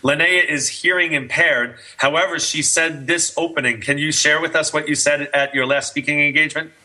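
Bright, forceful male host, enthusiastic. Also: fairly high pitch, steady tone, a little fast, rough recording. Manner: enthusiastic, jokey. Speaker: host of a business coaching show. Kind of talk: casual chatty talk.

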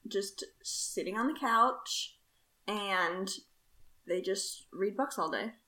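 A woman co-hosting a gaming podcast, pitching silly ideas in a playful deadpan way. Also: slow pace. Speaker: podcast co-host. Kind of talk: casual chat. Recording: echoey room with faint noise.

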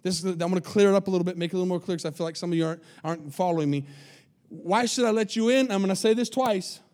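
A man's voice: sits high, racing, darkish tone. A pastor delivers his sermon with emphatic repetition. He keeps checking in with the congregation to make sure they are following him.

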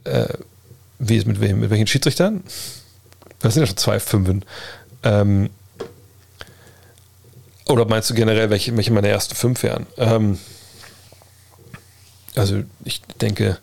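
Low-voiced gravelly man chatting casually. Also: unhurried, long pauses, darkish tone. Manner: colloquial, peppered with English slang and sports terms. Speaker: livestream host and basketball podcaster. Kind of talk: casual livestream chat answering viewer questions about basketball.

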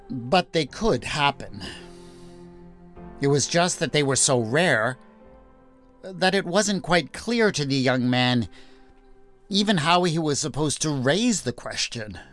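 A man narrating a retold Bible story in a measured, gentle storytelling manner. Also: a little high. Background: faint background music.

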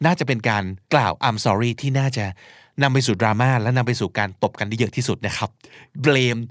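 A man's voice: mid-range voice, brisk, dry recording, studio quality. A man hosting a podcast, teaching and explaining vocabulary, spelling out words and acting out short examples. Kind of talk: explanatory language lesson talk.

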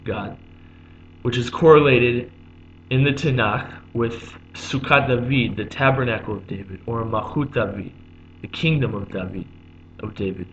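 A man at an ordinary middle pitch gives an unscripted religious lesson. He pauses often on "um", restarts his phrases and explains each term again. The recording is dull and lo-fi, with a faint hum underneath. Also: fairly bright tone. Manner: halting, many "um"s, repeats and glosses terms. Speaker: religious teacher.

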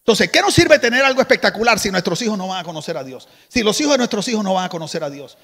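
A man preaching a lively sermon to a congregation as the church's pastor, joking with the crowd and having them repeat after him. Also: high-pitched, racing, big-room sound. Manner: animated, joking asides to the congregation.

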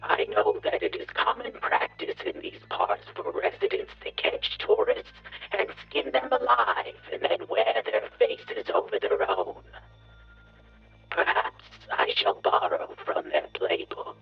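A man voicing a scheming, cruel male insect villain who reads his plans aloud like a pompous journal, in a gravelly, raspy voice on a dull, lo-fi recording. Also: on the low side, huge pitch swings, unhurried, full character voice. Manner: pompous, theatrical journal narration. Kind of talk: dark comedy audio story.

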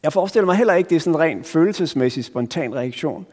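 A Danish male pastor preaching in an earnest, searching way, doubling back on words and leaning on pauses. His voice sits a little higher than most men's. A long church reverb trails after every phrase. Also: animated, a little mellow. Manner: earnest, searching, with frequent restarts and emphatic pauses. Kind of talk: sermon.

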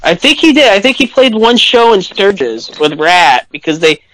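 A man's voice: sits high, big pitch swings, normal speed, pushed and bright, rough recording. A man guesting on a podcast, chatting casually about rock bands and rambling with lots of "like" and restarts.

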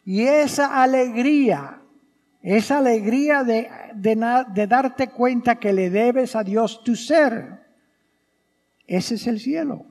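Husky-voiced man preaching a sermon. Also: very high voice, slow, a little mellow. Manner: repeats key phrases, asks the congregation questions. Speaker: priest. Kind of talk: sermon at Mass. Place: church during Mass. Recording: long reverb of a church hall.

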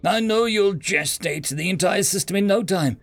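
A man's voice: high voice, moderate pace, soft background music, pitched above the performer's own voice. A man doing a nervous young corporate human. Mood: businesslike. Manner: stammering, pleading, then smoothly businesslike.

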